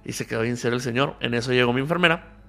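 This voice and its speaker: Gravelly Mexican man telling a story. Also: medium pitch, rapid-fire, pushed and bright. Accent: Mexican Spanish. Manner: acts out both sides of remembered dialogue. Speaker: podcast guest telling a story. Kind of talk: casual storytelling in a podcast chat.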